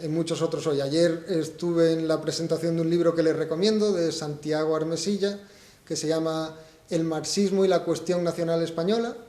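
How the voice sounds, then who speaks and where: Spanish guy talking at a book launch, highish mellow voice, kinda roomy hall sound, lots of rhetorical questions. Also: steady tone, normal speed. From Spain. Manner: conversational, thinking aloud with rhetorical questions. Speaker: book author presenting his book. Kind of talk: public talk to an audience. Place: event hall.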